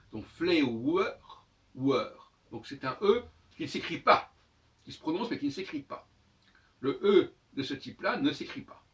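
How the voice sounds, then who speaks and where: Here a man lectures on language and astrology, repeating each word many times to sound it out in a spoken lesson. His voice is medium-pitched and a little bright, recorded dully from a distant microphone.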